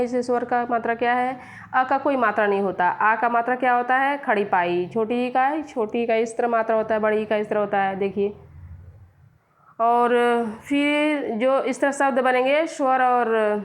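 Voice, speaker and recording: Higher-voiced woman teaching grammar. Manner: explains step by step, quizzing and answering herself. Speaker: Hindi teacher. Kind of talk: classroom grammar lesson.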